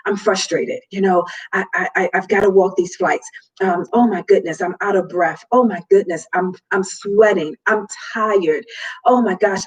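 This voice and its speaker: A woman's voice: a little high, a little mellow, low-quality recording. Woman speaker for an uplifting faith talk, preacherly, repeats her lines for emphasis. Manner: preacherly, repeats phrases, laughs often. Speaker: motivational speaker. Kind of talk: faith-based motivational talk.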